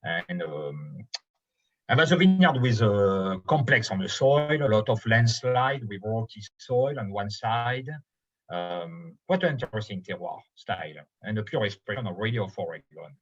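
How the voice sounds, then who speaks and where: A middle-aged or older man from Bordeaux with a French accent, giving an informal presentation as a winemaker in halting non-native English phrasing. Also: on the low side, big pitch swings, lo-fi sound. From Bordeaux, France. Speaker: winemaker presenting his estate's wine.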